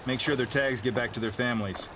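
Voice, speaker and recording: A man's voice: mid-range voice, fairly even intonation, fast talker, heavy background noise, close to an everyday voice. Man playing a grim, loyal soldier leader. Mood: earnest. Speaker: soldier commander.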